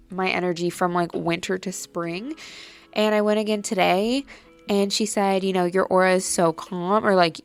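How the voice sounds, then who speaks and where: Her voice is mid-range and gravelly with a clean tone as this young podcast host chats alone from home late at night. She rambles casually, says "like" a lot, and sounds a bit congested.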